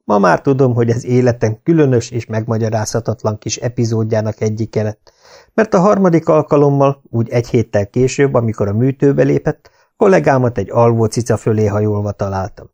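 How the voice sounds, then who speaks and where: A man narrating an audiobook in a measured, even storytelling manner. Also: mid-range voice, creaky, dull audio.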